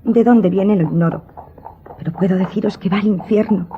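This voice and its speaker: In a radio drama, a woman plays a superstitious, imperious countess, speaking formally and dramatically with an insistent, uneasy edge. Her medium-pitched voice runs at normal speed, lightly acted, in a dull recording with background music and noise.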